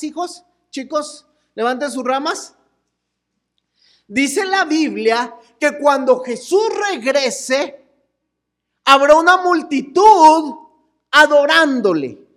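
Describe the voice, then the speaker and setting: A woman preaching a sermon in a slow, drawn-out way, her voice sitting high. She asks the crowd questions and draws out each phrase, rising at times to a shout. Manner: animated, asks the crowd questions and calls out with them. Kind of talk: sermon to a mixed congregation with children.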